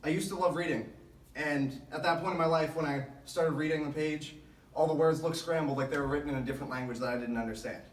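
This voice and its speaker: A man giving a motivational speech to a sports team, telling his story in an earnest, deliberate way with emphatic phrases. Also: fairly high pitch, fairly even intonation. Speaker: motivational speaker. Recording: echoey room, distant microphone.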